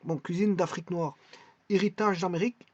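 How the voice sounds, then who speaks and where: A man's voice: high voice, steady tone, a little fast, husky, no echo, lo-fi sound. Hesitant French man rambling in a vlog. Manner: hesitant, many restarts and repeated words. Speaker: vlogger presenting a website.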